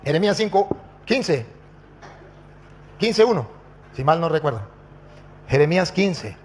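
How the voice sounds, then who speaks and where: Middle-aged priest who preaches animatedly and acts out stories; high-pitched male voice. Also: unhurried. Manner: animated, quotes scripture and acts out dialogue.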